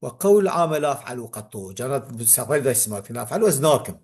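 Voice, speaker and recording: A man's voice: medium pitch, very animated, quick pace, darkish tone, husky. A man with a Kurdish accent teaching a classical grammar text, reading it aloud and then explaining it.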